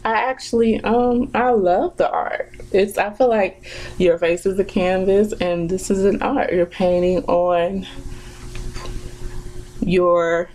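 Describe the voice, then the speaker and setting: Slow, chatty woman in her twenties. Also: medium pitch, steady tone, darkish tone, slight background noise, low-quality recording. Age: 20s. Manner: chatty and reflective, with many fillers and restarts. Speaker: vlogger. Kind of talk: casual chat during a makeup tutorial.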